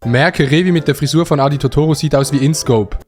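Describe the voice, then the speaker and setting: A man's voice: on the high side, fast, darkish tone. A young man from Switzerland, casually commenting on his own video in a self-mocking, slangy way with frequent laughs.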